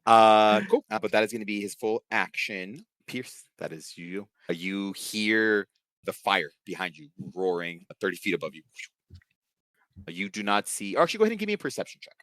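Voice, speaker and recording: A man with a very low voice runs a tabletop game as game master over an online call. He narrates in a relaxed way, with many fillers. The sound is dry and close. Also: normal speed, dry recording.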